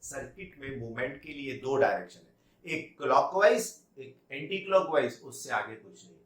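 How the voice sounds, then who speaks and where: A man teaching physics to students, coaxing them along with repeated questions in a lively, animated way. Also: mid-range voice, moderate pace, recorded from a distance. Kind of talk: classroom lecture. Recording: echoey room, voice off-mic.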